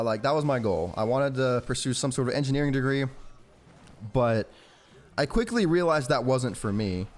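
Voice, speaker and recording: A man in his early twenties from Georgia in the southern US, with an American accent, chatting informally and rambling as he commentates on a game. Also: medium pitch. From Georgia, southern United States. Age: early 20s. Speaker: gaming YouTuber. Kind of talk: casual gameplay commentary with personal chat.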